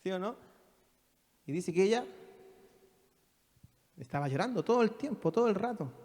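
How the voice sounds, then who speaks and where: Pastor preaching in an echoing church. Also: male voice, high voice, lively intonation, normal speed, a little mellow. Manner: emphatic, rhetorical questions to the congregation. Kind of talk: sermon. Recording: long reverb of a church hall.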